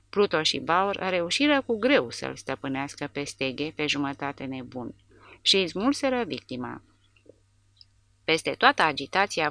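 A woman narrating an audiobook in a measured, dramatic reading. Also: low-pitched, vocal fry, fairly bright tone, dry recording. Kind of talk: scripted narration.

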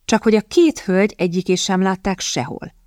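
A woman narrating an audiobook in a calm, even reading manner, recorded close to a studio mic. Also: medium pitch, no echo. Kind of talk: scripted narration.

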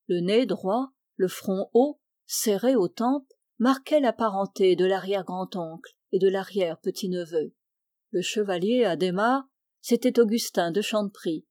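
Une femme lit un roman classique d'une voix posée et mesurée. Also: female voice, medium pitch, mellow, dry recording, studio quality. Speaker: audiobook reader. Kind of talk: literary audiobook narration.

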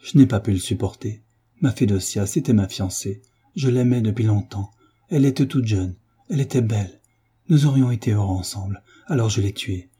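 A man's voice: fairly low pitch, a little fast, dark tone, slightly rough. A man voicing a young peasant who confesses in a shaken, pleading way. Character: young male peasant, remorseful yet defiant murderer.

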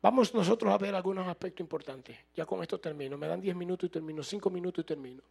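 High, gravelly-voiced preaching man. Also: fast. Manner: preaching, rising to loud emphatic bursts, asks the room. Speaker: pastor. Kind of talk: sermon.

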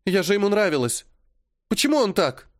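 Weepy, whiny young sister, high and sobbing, read by a man in an audiobook. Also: fast, close to an everyday voice.

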